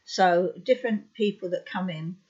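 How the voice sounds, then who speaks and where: A woman's voice: fairly low pitch, darkish tone, husky. A woman in her fifties with a sore throat, a trance medium explaining her work to camera, hesitant with many fillers. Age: 50s. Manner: slow and hesitant, many ums and uhs. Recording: dull lo-fi sound.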